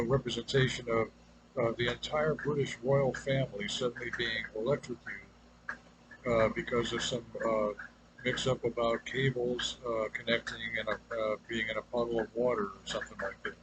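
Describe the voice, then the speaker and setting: A man with a mid-range voice, a personal video maker, rambles through an unscripted monologue about himself. He speaks haltingly and hesitantly, trailing off and circling back to his point, with clearly noisy ambient sound around him.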